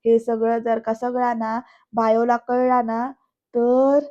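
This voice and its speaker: Woman doing a loud scheming uncle. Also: on the high side, monotone, slow, muffled recording. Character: scheming middle-aged uncle, loud and plotting.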